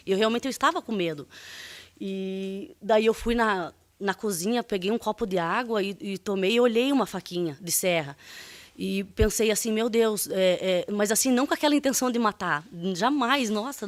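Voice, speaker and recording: A woman testifies as a defendant in court, with a voice of ordinary middle pitch. She speaks haltingly and earnestly, with frequent fillers and restarts. Her tone stays defensive.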